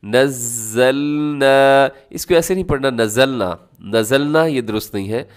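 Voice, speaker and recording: A man teaches the rules of Quran recitation. He explains each point in a smooth, resonant voice, then stretches the example words out slowly and loudly. He often asks the class questions and then answers them himself. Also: mid-range voice, expressive. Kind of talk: tajweed lesson.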